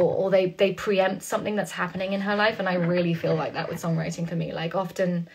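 A woman's voice: lowish voice, slightly rough. A young English woman chatting on a phone livestream from her room, rambling, laughing often and reading viewer questions aloud. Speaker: singer hosting a live stream. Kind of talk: casual chat.

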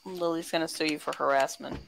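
A woman's voice: deep voice, fairly even intonation, quick pace, vocal fry, a little hiss or hum. A woman playing a farming game alongside a friend, teasing him with dry comebacks. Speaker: co-player. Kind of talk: casual gaming chat.

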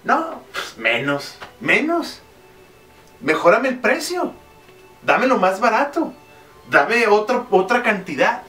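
A man's voice: high-pitched, big pitch swings, slow, bright, forceful tone, recorded from a distance, faint music behind, pitched above the performer's own voice, exaggerated voice. A man voicing a king who is eager for the books but haggles over their price. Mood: haggling. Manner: pleading, haggling.

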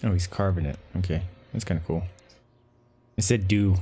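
A man's voice: sits low, normal speed, mellow, breathy edge. A young man giving casual gameplay commentary as a streamer, playfully shifting between baby talk and muttering. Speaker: game streamer.

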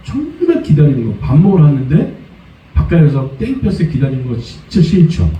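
A pastor preaching a Sunday sermon, lively, slipping into high acted voices for quoted complaints. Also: male voice, moderate pace. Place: church sanctuary. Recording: dull, echoey church sound from a distance.

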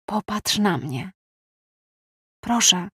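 A woman voicing a gentle, weary young man who murmurs tenderly. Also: medium pitch, animated, slow, breathy edge, dry recording, clean studio sound. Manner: soft murmuring tone.

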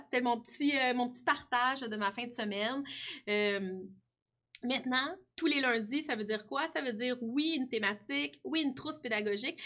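A woman teacher in her thirties with a Québécois French accent, speaking straight to pupils in a broadcast lesson and often tagging her sentences with "hein". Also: a little high. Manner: warm, animated, addresses pupil directly with frequent "hein". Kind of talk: addressing pupils on a school TV lesson.

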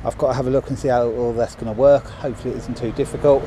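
This middle-aged handyman races through his words in a medium-pitched voice with fairly even intonation. Recorded outdoors at a driveway gate on a body-worn action camera, he narrates his finished job casually, full of ums and restarts, over background noise.

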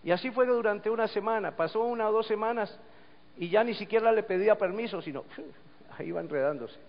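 A man's voice: sits high, brisk. A man preaching a sermon, telling stories and reading scripture with rising emphasis. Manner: storytelling, swelling to emphatic reading. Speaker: pastor. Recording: dull lo-fi church recording with long reverb.

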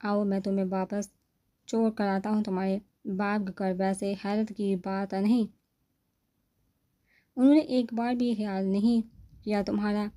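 A rude, proud young husband in a storybook reading, voiced by a woman narrator. He speaks in a mellow, darker tone. His lines land harsh and commanding. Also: mid-range voice, level tone, long pauses, natural voice. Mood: cold.

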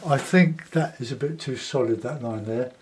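A man in his sixties with a South London accent, giving an unhurried, casual commentary as he demonstrates painting, pausing and half talking to himself. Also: medium pitch. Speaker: painting tutor. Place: small cluttered home studio, indoors.

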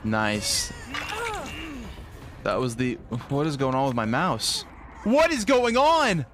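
A young man commentating his own live game stream, excitable, swinging between low mumbles and sudden yells. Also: slow pace, slight background noise. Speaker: gaming streamer.

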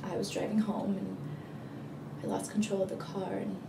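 An actress plays a young woman in recovery, grieving and full of remorse, confessing in a naturalistic dramatic monologue. Her medium-pitched voice moves haltingly, with pauses. It is recorded at a distance in an echoey room. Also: flat delivery, gravelly, heavy background noise, close to an everyday voice. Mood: pained, remorseful. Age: young adult. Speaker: actor performing a monologue. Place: small plain room indoors.

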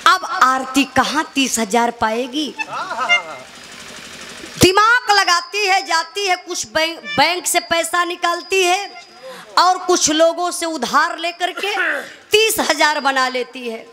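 A woman's voice: very high-pitched, lively intonation, takes it slowly, pushed and bright. A woman narrating a dramatic folk ballad, calling out to her listeners as brother. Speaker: folk storyteller singer.

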